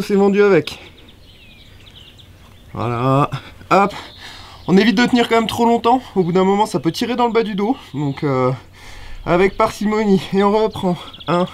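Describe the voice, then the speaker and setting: A male fitness coach leading a home workout, upbeat and chatty, counting reps aloud between casual asides. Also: sits high. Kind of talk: guided home workout instruction.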